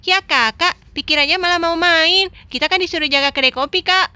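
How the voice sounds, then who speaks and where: A dutiful girl who complains and scolds, played by a woman. Her voice is high and bright, with a whiny, scolding edge in a game role-play. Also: brisk, dry recording, exaggerated voice. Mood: complaining.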